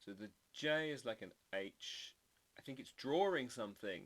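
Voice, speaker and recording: Lively man chatting while drawing. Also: mid-range voice, moderate pace. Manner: chatty, playful, trying out foreign words. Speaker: livestream artist host. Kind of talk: casual live stream chat while drawing.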